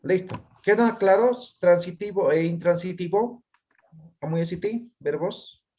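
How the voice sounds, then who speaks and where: A man's voice: sits high, measured pace, mellow. A man teaching a language class, quizzing his students and checking often whether they follow. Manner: constantly checks understanding with tag questions. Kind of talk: online class.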